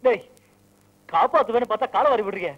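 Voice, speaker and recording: An actor playing a flustered middle-aged husband who whines and pleads in an old Tamil film scene. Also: male voice, sits high, quick pace, fairly bright tone, muffled recording. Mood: desperate. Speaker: yoga teacher's husband. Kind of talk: 1990s Tamil film dialogue.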